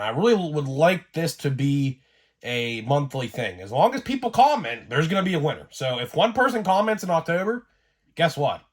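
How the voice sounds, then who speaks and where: A man with a cold hosts a laid-back sports card vlog, coughing here and there between his thoughts. His delivery is rambling and excitable, padded with fillers, and his pitch swings widely from high to low. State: getting over a cold, coughing. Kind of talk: casual vlog commentary.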